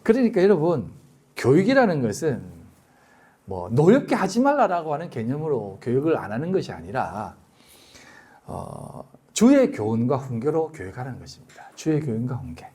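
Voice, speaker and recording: A man's voice: medium pitch, moderate pace, slightly rough. A middle-aged man, a pastor giving a sermon, telling stories and acting out quotes with laughter. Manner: storytelling with lively acted-out quotes and laughter.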